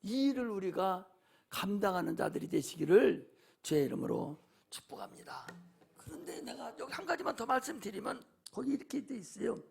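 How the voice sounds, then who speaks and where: A male pastor delivers an impassioned sermon in a church. His voice is strikingly high for a man. He drives home his points by repeating them emphatically. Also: big pitch swings, normal speed, creaky, breathy edge. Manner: impassioned, emphatic, repetitive preaching. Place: church sanctuary.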